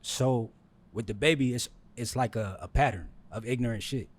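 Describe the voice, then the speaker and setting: Male podcast co-host, blunt, opinionated, mid-pitched voice. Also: moderate pace. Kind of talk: casual chat.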